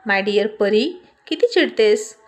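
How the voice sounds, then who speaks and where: A woman voicing a quick-tempered, protective young man who teases his girlfriend in playful banter. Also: mid-range voice, animated, lightly acted. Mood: teasing. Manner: playful banter with Hindi phrases.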